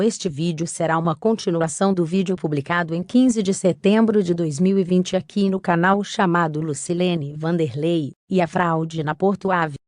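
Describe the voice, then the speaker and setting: A synthetic robotic woman's voice reading a scripted narration of a court case, even and methodical. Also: fairly low pitch, no room sound, studio quality. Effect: robotic text-to-speech voice.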